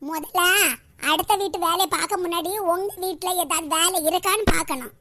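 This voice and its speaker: A woman with a Kanyakumari Tamil accent voicing a scolding, indignant character in an animated comedy. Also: extremely high pitch, fairly quick, no room sound.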